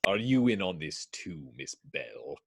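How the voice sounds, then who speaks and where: A man's voice: sits low, big pitch swings, unhurried, vocal fry, pushed and bright, breathy edge, no echo, clean studio sound, heavily acted. A man voicing a pompous, villainous pirate captain in a script read-through, haughty and theatrical. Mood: cold disdain.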